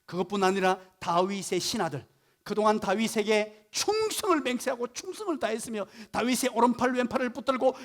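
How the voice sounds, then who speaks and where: A male pastor preaching a Sunday morning sermon in a church, animated and full of rhetorical questions as he explains Hebrew words of the text. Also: extremely high pitch. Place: church sanctuary.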